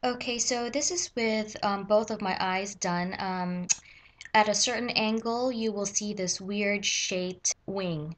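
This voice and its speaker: A woman narrating her makeup looks in a casual voice-over, relaxed and hesitant with frequent ums. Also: mid-range voice, slow pace. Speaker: makeup vlogger.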